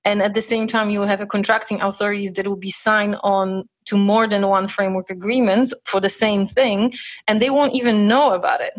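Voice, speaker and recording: A woman's voice: mid-range voice, fairly even intonation, fairly quick. A woman co-hosting a podcast, talking through a legal topic in a thoughtful, hesitant way with many fillers. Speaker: podcast co-host. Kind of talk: casual expert discussion.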